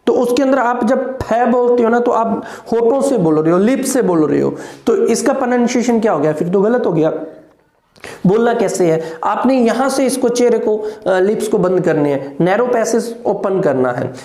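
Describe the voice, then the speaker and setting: A man teaching English phonetics in a patient, repetitive lesson, modelling each sound and often checking whether it is clear. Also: high-pitched, moderate pace, dark tone. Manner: patient, repeats sounds, keeps asking "clear?". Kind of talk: classroom lesson explaining consonant sounds. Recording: echoey room.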